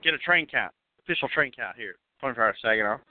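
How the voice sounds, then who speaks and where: A man hosting a casual live call-in show while roving outdoors at an event, talking with many fillers and restarts, coughing and clearing his throat now and then. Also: mid-range voice, animated, quick pace, no echo. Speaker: host. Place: outdoors at a railway depot event. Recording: tinny phone line, dry.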